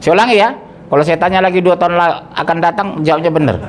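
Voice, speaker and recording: A middle-aged man giving a conversational religious lesson, questioning his listeners directly and teaching with animated emphasis. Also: high voice, quick pace, slight background noise. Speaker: preacher.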